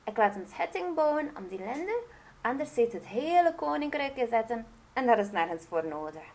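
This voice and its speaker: A stuffy fairy-tale king voices his disapproval sternly, played by a woman reading the story. The tone is fussy, with a gravelly rasp. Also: fairly high pitch, big pitch swings, normal speed, a little mellow. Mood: disapproving.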